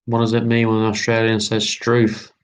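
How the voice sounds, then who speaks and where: A man hosting a live online quiz, reading out each question slowly and repeating every term. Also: lowish voice, monotone, smooth, rough recording. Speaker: quiz host.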